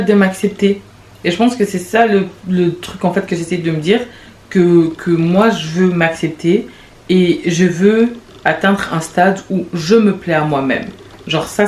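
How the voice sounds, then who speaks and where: A woman in her late twenties hosting a podcast, talking in a rambling, confessional way with quick restarts and laughs. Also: fairly low pitch, darkish tone. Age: late 20s. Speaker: podcast host. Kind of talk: casual confessional monologue. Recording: echoey room with faint background noise.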